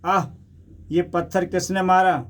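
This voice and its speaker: Steady comic-book hero, a man reading, high and flat, unhurried. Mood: firm.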